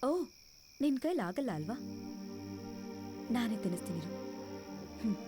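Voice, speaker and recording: A woman's voice: a little high, expressive, normal speed, music in the background, lightly acted. An actress playing a bold, caring young village woman who scolds and teases in a bossy way. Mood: scolding. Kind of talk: film dialogue.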